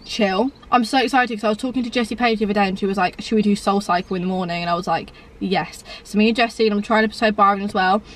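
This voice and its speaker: A woman's voice: medium pitch, steady tone, quick pace, hardly any pauses, recorded from a distance, slight background noise. An eighteen-year-old woman chatting casually to camera as a vlogger, with lots of "like". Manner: chatty, filler-heavy, lots of "like". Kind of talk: casual mukbang chat to camera.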